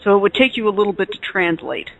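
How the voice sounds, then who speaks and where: A man co-hosting a casual podcast chat, giving measured, opinionated takes. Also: high-pitched, expressive, creaky, fairly bright tone. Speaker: podcast co-host. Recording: muffled lo-fi audio.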